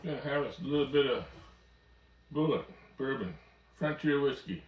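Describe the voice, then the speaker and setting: A man's voice: medium pitch, expressive, moderate pace, distant mic. A man in his sixties, an outdoors vlogger, chatting to the camera in an easygoing, folksy storytelling way, indoors in a small cabin. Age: 60s. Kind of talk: casual chat to camera. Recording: roomy sound from off-mic.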